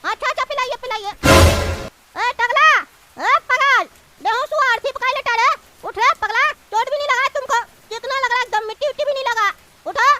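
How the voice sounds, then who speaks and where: Woman playing a high, cheeky cartoon lad. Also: rapid-fire, very noisy. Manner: argumentative, demanding, suspicious. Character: cheeky fussy young male lad.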